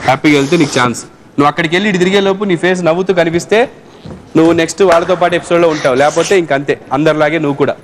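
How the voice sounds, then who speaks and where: A man's voice: a little high, rapid-fire, a little hiss or hum. A man hosting a children's quiz show, playfully teasing and coaxing a young contestant, often repeating himself. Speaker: game show host.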